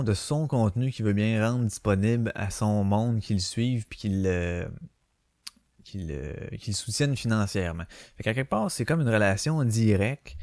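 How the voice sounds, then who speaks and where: Man, Québécois accent, lowish pitch, rambling casual podcast talk, dry bedroom recording. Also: a little mellow, no echo. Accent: Québécois French. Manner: rambling, many fillers and restarts. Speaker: podcast host. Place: small bedroom at home. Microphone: small home microphone.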